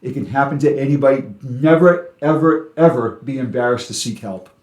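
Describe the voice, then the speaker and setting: A man with a Boston accent talks as an interview guest, and he presses his points by repeating words. His voice sits at a middle pitch. It carries a roomy echo. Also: brisk, darkish tone. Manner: emphatic, repeats words for stress. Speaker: guest speaker on officer suicide. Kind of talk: casual interview talk.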